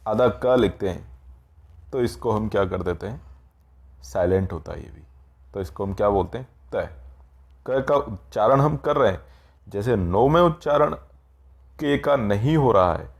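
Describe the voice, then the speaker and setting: A man's voice: medium pitch, a little mellow. A man teaching a grammar lesson, explaining patiently step by step and checking in with his students often. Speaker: Sanskrit teacher.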